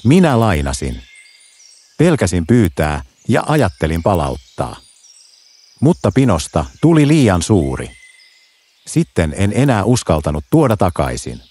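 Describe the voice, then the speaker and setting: A man's voice: low-pitched, wildly swooping pitch, dark tone, breathy edge, heavily acted. A man voicing a shy, guilty male forest creature in a children's storybook, talking in a slurred, hesitant way.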